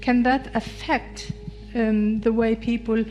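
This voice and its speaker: A woman's voice: a little high, level tone, slow pace, a little mellow, soft background music. A woman from Iceland asking a question hesitantly, with many fillers. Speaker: audience member asking a question.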